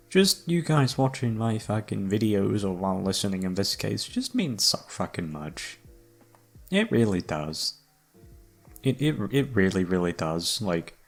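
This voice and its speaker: A young man who does voice acting and makes YouTube content rambles casually to his listeners in a lowish, gravelly voice. His talk is sweary, slangy and self-mocking, with music playing behind him.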